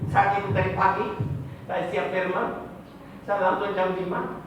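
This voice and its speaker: A man's voice: high-pitched, steady tone, measured pace, fairly bright tone, a little hiss or hum. A man preaching a sermon with great passion, acting out tearful prayers to God. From Indonesia. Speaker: pastor. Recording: echoey hall, mic from far off.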